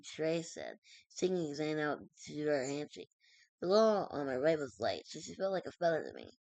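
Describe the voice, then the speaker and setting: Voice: mid-range voice, darkish tone, dry recording, low-quality recording. A streamer reading a web story aloud, stumbling over words, correcting themselves and dropping in casual asides.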